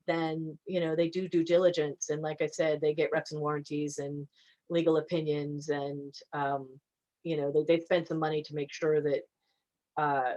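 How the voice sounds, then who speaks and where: A woman's voice: deep voice, a little mellow, dull audio. A woman attorney answering audience questions in a conversational way, with frequent fillers and restarts. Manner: hesitant, many fillers and restarts. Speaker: guest attorney.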